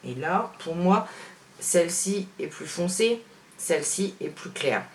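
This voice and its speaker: A woman beauty vlogger comparing makeup on camera, chatting frankly with viewers and filling pauses with fillers. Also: fairly low pitch, lively intonation, slight background noise. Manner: chatty, hesitant, full of "voilà" and "hein" fillers; frank, opinionated. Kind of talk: casual product comparison vlog.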